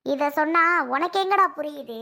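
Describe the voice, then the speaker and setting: A harsh, sharp-tongued mother, as a woman plays her in a family drama skit, scolding her family and demanding what she is owed. Her voice sits very high and bright, sharp and forceful. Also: moderate pace.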